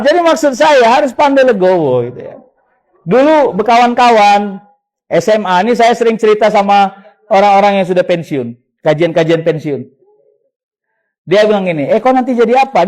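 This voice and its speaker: A man with a Medan accent preaching a sermon, joking and telling lively stories. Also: high-pitched, low-quality recording. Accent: Medan Indonesian. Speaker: Islamic preacher. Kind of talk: humorous sermon.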